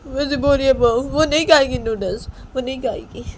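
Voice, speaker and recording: A woman voicing a tearful young woman who cries and wails in high, drawn-out lines. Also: a little hiss or hum. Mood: wailing. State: crying.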